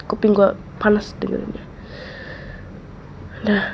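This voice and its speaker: A woman in a whispered role-play, soothing a friend softly and repeating comforting words close to the mic. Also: mid-range voice, monotone, measured pace. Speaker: ASMR role-play creator. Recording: dull lo-fi mic with faint hiss.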